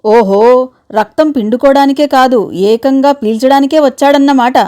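A woman voicing a fretful, sharp-tongued older wife, sarcastic and anxious, in a read-aloud story. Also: fairly high pitch, moderate pace, close to an everyday voice. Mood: scolding.

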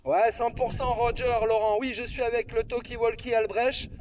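High-voiced man over a walkie-talkie. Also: flat delivery, normal speed, a little mellow, a little hiss or hum. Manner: repeats the other operator's name and "QSL" often. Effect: heard over a handheld walkie-talkie radio link. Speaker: amateur radio operator. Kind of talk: ham radio exchange with call signs and signal reports. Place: outdoors on a hilltop. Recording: faint, distant, lo-fi radio transmission.

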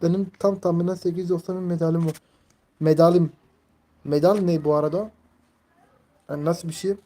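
A man's voice: on the high side, steady tone, fairly quick, mellow. A man in his twenties chatting casually on a live stream, rambling, leaning heavily on fillers and reading viewers' messages aloud. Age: 20s. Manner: rambling, filler-heavy, reads chat aloud.

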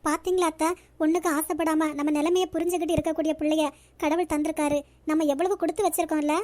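A woman's voice: high voice, little pitch movement, quick pace, a little mellow, close to an everyday voice. A woman voicing a good-natured mother in a cartoon, practical and joking. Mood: teasing. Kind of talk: cartoon voice acting.

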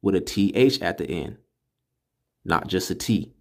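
A man with a Californian accent teaching a spoken Hebrew pronunciation lesson, emphatic and repeating syllables slowly. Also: sits low, expressive, a little mellow.

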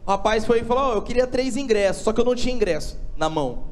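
A young man with a São Paulo state Brazilian accent, telling stand-up stories on stage in an animated, slangy way. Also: extremely high pitch, fast talker. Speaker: stand-up comedian. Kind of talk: stand-up comedy storytelling to a live audience. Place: theatre stage, indoors. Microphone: handheld microphone. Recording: noisy live theatre recording with audience.

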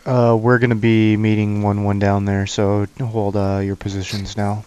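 A man's voice: fairly low pitch, level tone, dark tone, clean tone, dull audio. A man leading a squad in a shooter game, giving clipped orders in military radio style. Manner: clipped commands, brisk and matter-of-fact. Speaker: squad leader. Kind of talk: military radio procedure over game voice chat.

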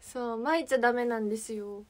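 Young Kansai woman, high bright voice, livestream host, chatty and rambling. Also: fast talker. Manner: chatty, rambling, searching for words. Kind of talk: casual livestream chat.

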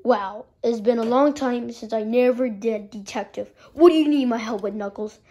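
A woman voicing a slow, dopey male mouse detective plush who talks hesitantly. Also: fairly high pitch, warm tone, lo-fi sound.

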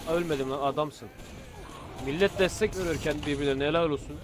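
A young man giving excitable, casual commentary on his own gameplay, muttering one moment and shouting the next. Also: on the high side, fast talker, music in the background. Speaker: gameplay video host.

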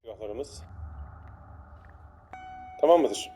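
Exasperated young man gaming, mellow voice. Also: medium pitch, lively intonation, slow, soft background music. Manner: exasperated, swears and laughs at glitches. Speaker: gameplay streamer. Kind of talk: funny moments gameplay commentary.

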